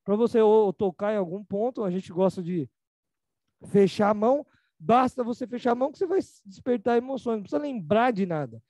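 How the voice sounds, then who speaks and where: A man's voice: expressive, fairly quick, dark tone, dry recording. A man with a Brazilian Portuguese accent teaching a live online class in a casual, slangy way. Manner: casual and slangy, mimics others in a higher voice. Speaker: emotional reprogramming teacher. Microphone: video call.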